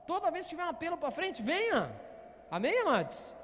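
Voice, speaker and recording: Fast-talking pastor, echoey hall. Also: male voice, extremely high pitch, huge pitch swings, background noise. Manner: storytelling, often asking the congregation "Amém, amados?". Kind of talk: sermon. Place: church hall.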